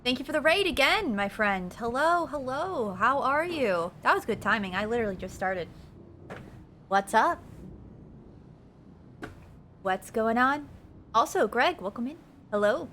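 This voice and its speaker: A woman's voice: on the high side, lively intonation, a little slow, pauses often, bright, forceful tone, a little hiss or hum. A woman livestreamer chatting casually over a video game, greeting viewers in a cute, bubbly way. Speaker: live streamer.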